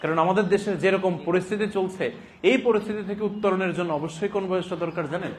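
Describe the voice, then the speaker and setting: A man giving a classroom lecture as a teacher, repeating phrases deliberately for dictation and prompting students with emphatic questions. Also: high voice, fairly even intonation. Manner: repeats phrases slowly and deliberately for note-taking.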